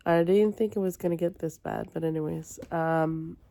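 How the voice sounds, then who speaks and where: A woman's voice: fairly low pitch, fairly even intonation, moderate pace, dark tone, no room sound. A woman chatting casually in a vlog, sounding weary, groggy and stuffed up with a cold. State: sick with a cold and stuffy nose. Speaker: book vlogger.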